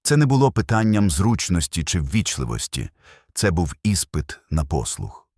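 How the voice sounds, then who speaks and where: Male preacher, very low and husky, solemn emphatic sermon read, lively rising and falling delivery. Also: moderate pace, no room sound, clean studio sound. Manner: solemn, emphatic, builds with short repeated phrases. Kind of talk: scripted sermon narration.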